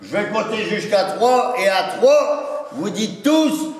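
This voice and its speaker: A man's voice: sits high, lively intonation, slow pace. A man with a Norman accent doing a folksy, teasing stand-up monologue before a live audience, full of interjections and rural slang. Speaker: stage comedian. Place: large indoor hall with a live audience. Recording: echoey hall, recorded from far off.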